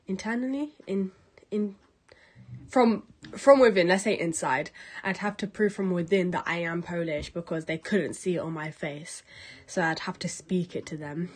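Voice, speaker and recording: A woman's voice: lowish voice, normal speed, breathy edge. A young woman, talking candidly in a casual interview. She rants a little and swears freely.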